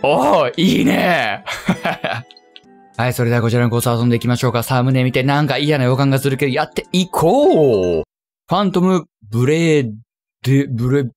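A young man from Kyushu commentating a video game he is playing, talking to himself, muttering, and yelping in excitement. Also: mid-range voice, moderate pace, faint music behind. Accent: Kyushu Japanese. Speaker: game streamer. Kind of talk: let's play commentary.

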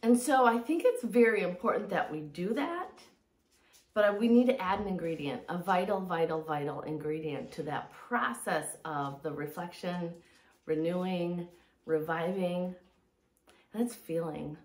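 A woman's voice: on the low side, expressive, a little slow. A woman coach giving a motivational talk, reflective and repeating phrases for emphasis. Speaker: fitness and mindset coach. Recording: echoey room.

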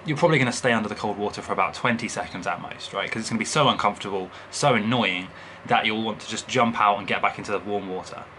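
A young man with a bright, forward voice at a middling pitch talks informally to camera. He explains things like a vlogger giving advice, often checking that the listener follows. It is recorded at arm's length in a bedroom, with some noise behind him. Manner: informal, explanatory, frequently checks in with "right?" and "okay?". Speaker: video host giving health advice. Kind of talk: casual direct-to-camera advice vlog. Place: small bedroom, indoors. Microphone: camera at arm's length on a desk.

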